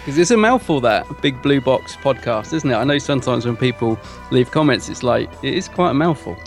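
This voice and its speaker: A man's voice: medium pitch, expressive, brisk, soft background music. A man co-hosting a podcast in casual, conversational chat. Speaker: podcast co-host.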